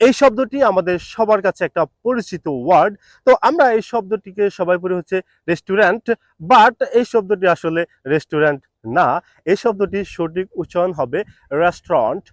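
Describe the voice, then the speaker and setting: Slow, careful Bengali-speaking English teacher. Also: male voice, high voice, no room sound. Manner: repeats each word slowly, stressing the target sound; sets the common mispronunciation against the correct one. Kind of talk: pronunciation lesson, mixing Bengali and English.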